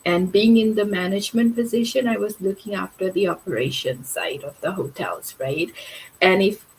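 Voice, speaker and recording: A woman's voice: medium pitch, moderate pace, a little hiss or hum, poor audio. A middle-aged woman from Fiji, talking as an interview guest over a video call, chatty and full of fillers and restarts. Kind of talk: casual interview talk.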